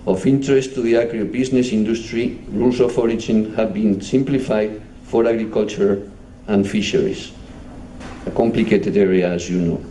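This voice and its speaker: A man with a Spanish accent delivers a formal speech in a measured, steady way. His voice sits low and sounds mellow and dark. He is picked up from well back in a roomy, echoing conference hall with a faint hum of noise. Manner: measured, formal, reading out titles. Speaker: European Union official giving a speech. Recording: echoey hall, distant mic, faint noise.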